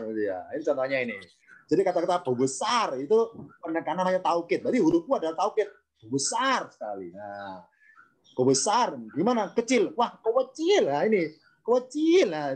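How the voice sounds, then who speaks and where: A man, his voice sitting a little high, leads an online grammar class. He explains patiently, repeats each key term and stops to quiz his students. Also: darkish tone. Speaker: Arabic grammar teacher.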